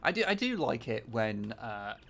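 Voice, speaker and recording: A man's voice: mid-range voice, big pitch swings, moderate pace, gravelly, fairly bright tone. A man giving casual, rambling, sweary commentary while streaming a video game.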